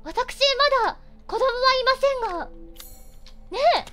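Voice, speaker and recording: Bubbly high-voiced woman playing a lady. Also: lively intonation, unhurried. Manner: mock-aristocratic lady speech, playful and dramatic. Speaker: streamer playing a horror game. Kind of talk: casual game-stream commentary. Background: game music.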